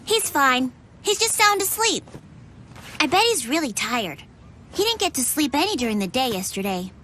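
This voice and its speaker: A woman's voice: high voice, big pitch swings, moderate pace, bright, forceful tone, slight background noise, full character voice. A woman voicing a cheerful, innocent little boy in an English anime dub. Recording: music behind the voice.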